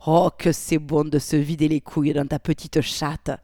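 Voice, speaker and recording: A woman doing a loud, coarse, talkative man. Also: on the high side, flat delivery, moderate pace, no room sound, studio quality, natural voice. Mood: lustful. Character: crude talkative man, lusty and boastful.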